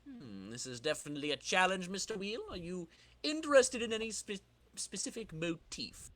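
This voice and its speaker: A man's voice: high-pitched, very animated, moderate pace, fairly bright tone. A man voicing a sly old villain inventor in a comic-book reading, theatrical and drawn out. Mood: gleeful scheming.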